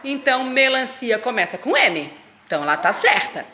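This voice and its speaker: A woman, a teacher giving a phonics lesson to young children, drawing words out slowly and coaxing them to repeat. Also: a little high, very animated, bright, forceful tone. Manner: slow, drawn-out, coaxing word drills. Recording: echoey room with faint noise.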